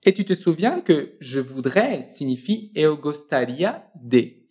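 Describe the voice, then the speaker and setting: A woman teaching a French lesson, encouraging the listener and drilling phrases slowly and precisely for them to repeat. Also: low-pitched, very animated, a little mellow.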